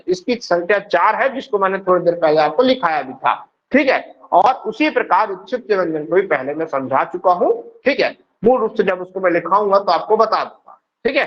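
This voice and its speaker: A male teacher lectures in a high voice, checking after nearly every point that the class is following. He poses questions and answers them himself. The recording is dull and low-fidelity. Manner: explains step by step, keeps checking with "ठीक है". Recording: dull lo-fi sound.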